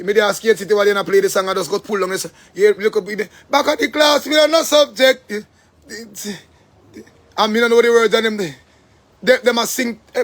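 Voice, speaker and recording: A man with a Jamaican accent hosting a live stream, talking in a rambling, profane, animated way. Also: sits high, no echo. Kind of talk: casual live-stream rant.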